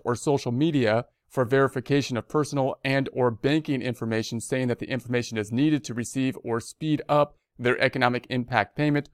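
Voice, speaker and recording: Man with a smooth, dry voice. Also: mid-range voice, no room sound. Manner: reads text, then adds plain explanations with fillers and restarts. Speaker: presenter reading and explaining a news release. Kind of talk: reading aloud with casual commentary.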